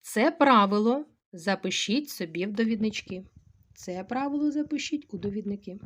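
Woman, Ukrainian accent, middle-aged, teacher, slow step-by-step explaining, addresses pupils. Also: medium pitch, animated, a bit bright, slight background noise. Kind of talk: grammar lesson for schoolchildren.

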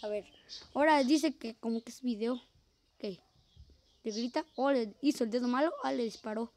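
High-voiced, excitable woman gamer. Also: moderate pace, slight background noise. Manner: excitable, shrieks and gasps at scares. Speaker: gaming YouTuber. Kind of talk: horror game let's play commentary. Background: game music.

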